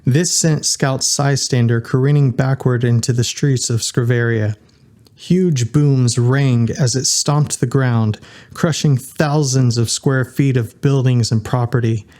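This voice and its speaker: A man reading an audiobook in a steady, unhurried narration. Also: medium pitch. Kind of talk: scripted narration.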